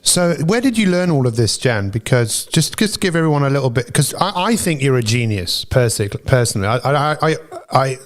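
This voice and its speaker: A man's voice: mid-range voice, very animated, fairly quick. A man with a mid-range voice hosts an interview. He chats casually and tends to repeat the first words of a thought before carrying on. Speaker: host.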